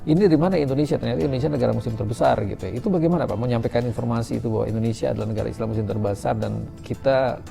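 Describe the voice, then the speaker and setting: A man's voice: medium pitch, rapid-fire, creaky, dark tone, faint music behind. A man interviewing a guest, affirming and repeating the guest's points back as he asks questions. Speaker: interviewer, producer. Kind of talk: interview conversation.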